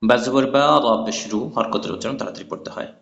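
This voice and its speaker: A man teaching a Quran recitation class, patiently spelling out letters and vowel marks, then chanting the words slowly. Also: medium pitch, fairly even intonation, fairly bright tone. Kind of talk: spoken lesson with chanted examples. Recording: echoey, dull lo-fi room recording.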